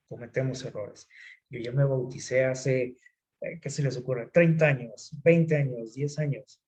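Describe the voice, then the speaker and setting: A man's voice: mid-range voice, darkish tone. A man preaching a sermon in a conversational way, often putting rhetorical questions to his listeners. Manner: conversational, asks the audience frequent rhetorical questions.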